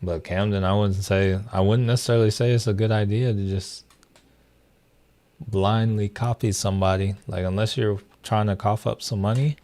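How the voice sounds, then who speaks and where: Speaking at normal speed in a lowish, dark voice with fairly even intonation, a young man hosts a livestream. He chats informally with viewers, rambling through many fillers and restarts.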